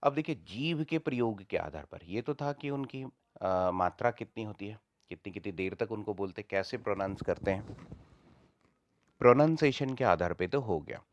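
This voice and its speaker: A man's voice: on the low side, animated, normal speed, dry recording. A man teaching a lesson, patiently repeating each point in several ways. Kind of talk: explanatory lesson.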